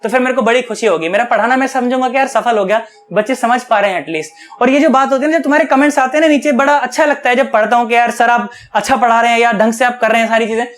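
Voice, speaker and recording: A man's voice: very high-pitched, fast, few pauses, fairly bright tone. Chatty, coaxing male physics teacher. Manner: chatty and coaxing, with constant check-ins; affectionate and earnest toward students. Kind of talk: online video lecture.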